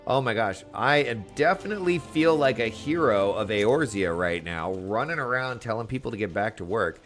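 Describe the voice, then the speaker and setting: A man's voice: fairly low pitch, animated, moderate pace, a bit bright, faint music behind. A man giving casual live commentary as a game streamer, chatty and wry.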